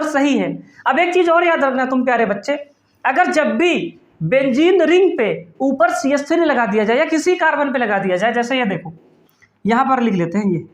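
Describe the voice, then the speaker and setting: A man's voice: extremely high pitch, reverberant. A male chemistry teacher giving an online class, playful and teasing, calling his students "beta" and answering his own questions. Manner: calls students "beta" affectionately.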